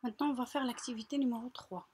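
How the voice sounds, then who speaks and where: Woman, teacher, husky, fairly high voice, patient, slow, repeats syllables, classroom walkthrough. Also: fairly even intonation, darkish tone. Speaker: primary school teacher. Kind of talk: recorded lesson walkthrough.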